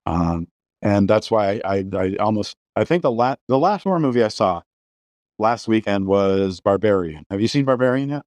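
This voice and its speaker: A middle-aged man with a somewhat low voice holds forth on movies in casual podcast talk. He circles back on his words and restarts sentences as he presses his points. The sound is dry and close. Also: animated, moderate pace, a little mellow, no echo. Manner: opinionated, many restarts and repeated words. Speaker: podcast host. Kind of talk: casual film discussion.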